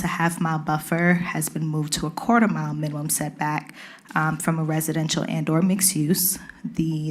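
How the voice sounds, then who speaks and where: A woman with a Caribbean accent presents to a city council in a low, steady voice. Her pitch stays flat and even as she works through a formal policy briefing item by item. She sounds measured and methodical, like staff reporting to elected officials. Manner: methodical, walks through points one by one.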